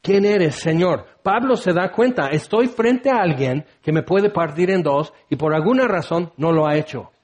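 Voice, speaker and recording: Man preaching, fairly high voice. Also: expressive, moderate pace, few pauses. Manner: dramatic, swings between loud and hushed. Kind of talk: sermon.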